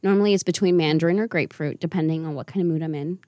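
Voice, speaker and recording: A woman's voice: low voice, rapid-fire, a little mellow, no room sound. A woman hosting a casual tasting chat, giggly and chatty, admitting she is a bit tipsy. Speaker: host.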